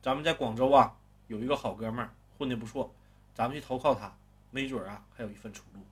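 A man voicing a worldly, calm male gang boss in a spoken story. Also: mid-range voice, quick pace, breathy edge, close to an everyday voice. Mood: calm, advising.

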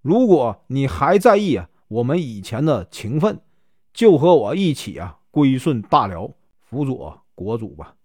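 A man voicing a scheming rebel leader who talks persuasively and softly. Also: medium pitch, very animated, a little slow, no room sound, clean studio sound.

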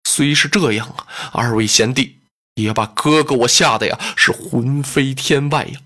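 A storyteller voicing a cautious, humble male lord who speaks low, hushed and soothing in traditional storytelling. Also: normal speed. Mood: anxious.

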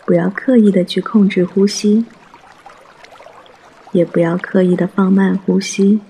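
A man guiding a mindfulness meditation in a soft, hushed, breathy voice, gentle and soothing, with long pauses. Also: sits high, level tone, a little hiss or hum. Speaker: meditation guide.

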